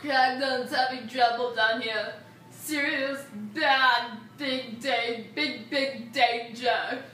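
A woman voicing a worried old caveman village elder in a video game, with halting, pleading broken speech and slang. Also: a little high, fairly even intonation, bright, forceful tone. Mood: grave, worried. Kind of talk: reading video game dialogue aloud. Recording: roomy, distant mic, faint noise.

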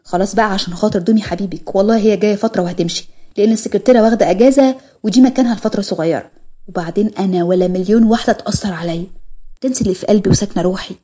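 A woman's voice: mid-range voice, very fast, warm tone, husky, natural voice. A woman with an Egyptian accent voicing a doting businessman husband who coaxes and soothes his wife. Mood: coaxing. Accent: Egyptian Arabic. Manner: soothing, coaxing.

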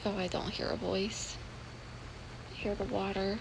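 Slow, gravelly-voiced woman streamer. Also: mid-range voice, fairly even intonation, background noise. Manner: slow, musing, talks to chat as y'all. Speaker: game streamer. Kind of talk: casual gameplay commentary. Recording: game music playing behind.

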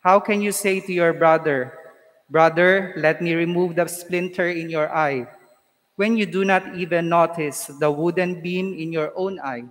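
A priest with a Filipino accent reading the Gospel and preaching in a measured, solemn way, his voice carrying a long church echo. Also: on the high side, steady tone. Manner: measured, solemn delivery with conversational asides. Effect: long echo of a large church. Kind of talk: proclaiming the Gospel and preaching a homily. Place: large church.

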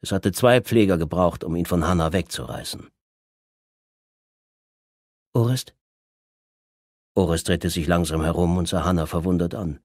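Male audiobook narrator, lowish voice, steady pacing, super dry studio sound. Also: brisk, hardly any pauses, dry recording.

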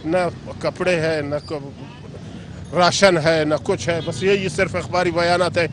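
A man's voice: a little high, steady tone, measured pace, background noise. A man, a local resident bitterly listing grievances about prices and government in a street interview. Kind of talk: vox pop complaint.

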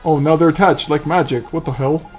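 A man's voice: fairly high pitch, steady tone, brisk, darkish tone, dull audio, faint music behind. A man giving casual let's play commentary, offhand and jokey with some swearing.

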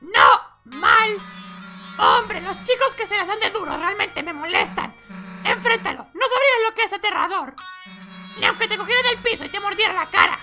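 A woman's voice: very high voice, animated, normal speed, over music, pitched above the performer's own voice. A woman voicing a tough, hot-tempered monster girl bully in an amateur game dub, brash, snapping and threatening. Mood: irritated.

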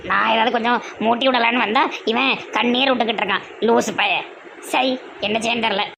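A woman voicing a scheming older mother who talks in a low, coaxing, sly way, with a Tirunelveli Tamil accent, in a comedy sketch. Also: fairly even intonation, a little fast, gravelly, a bit bright, slight background noise.

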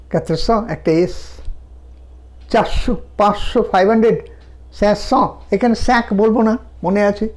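A woman teaching French numbers, counting them out slowly one by one and explaining pronunciation step by step. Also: medium pitch, darkish tone. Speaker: language teacher. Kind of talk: slow, deliberate language lesson.

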